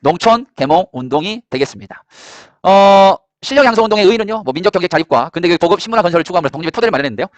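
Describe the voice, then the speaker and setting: A high-voiced man lecturing a classroom at a rapid clip, his pitch bouncing all over as he jokes and quizzes his students. The sound is close and dry, with almost no room echo. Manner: energetic, jokey, quizzes students. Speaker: history teacher.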